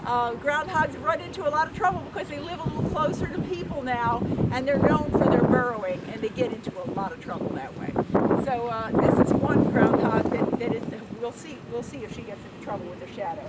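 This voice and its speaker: A woman hosting an outdoor ceremony, giving an informal, halting, explanatory welcome speech to a public gathering. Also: sits high. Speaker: ceremony host, groundhog handler. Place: outdoor town square. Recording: loud outdoor wind and street noise.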